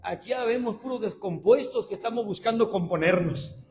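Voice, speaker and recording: High-pitched preacher shouting a sermon. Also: male voice, moderate pace. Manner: swings between shouted passionate preaching and low conversational asides.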